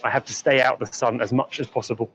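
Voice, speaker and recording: A man's voice: mid-range voice, steady tone, fairly bright tone, a little hiss or hum, low-quality recording. English man teaching on a walking tour. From England. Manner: friendly, explains words slowly and reads viewer comments. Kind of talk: live-streamed walking tour lesson. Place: outdoors on busy city streets.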